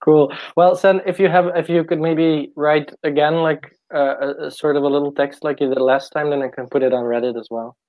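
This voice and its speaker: A man's voice: a little high, fairly even intonation, a little fast, few pauses, darkish tone, no room sound. A man leading an online team meeting, working through agenda items with short checks. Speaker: meeting facilitator. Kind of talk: casual meeting talk. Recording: dry, dull lo-fi call audio.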